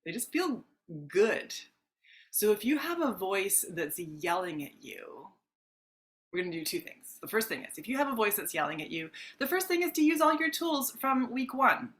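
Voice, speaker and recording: A middle-aged woman, a self-love coach, talking gently and reassuringly in a live-streamed coaching session, chatting with her viewers. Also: medium pitch, very animated, normal speed.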